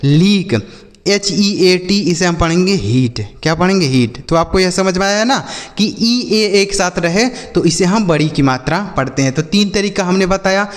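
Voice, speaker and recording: In a big, roomy-sounding space, a man with a high-sitting, lively voice teaches English reading at a normal speed. He spells words out letter by letter and quizzes students, repeating his questions to an imagined class.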